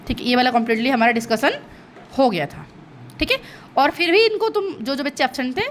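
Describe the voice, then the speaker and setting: A woman's voice: sits high, a little hiss or hum. A woman teacher explaining a lesson to her students, keeps checking "okay?", and laughs at her own slips. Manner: lively, checks understanding with constant "okay?" asides. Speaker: school English teacher. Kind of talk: online class explanation in mixed Hindi and English.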